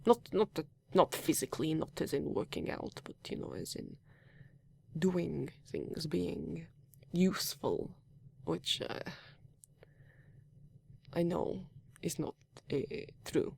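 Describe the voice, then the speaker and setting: A man playing a gravelly, formal, reserved partner. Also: on the high side, expressive, takes it slowly, no echo, exaggerated voice. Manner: formal, avoids contractions, hesitant restarts; soft-spoken, at times whispering. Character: reserved, formal, caring male lab-working partner. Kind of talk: comfort roleplay addressed to the listener.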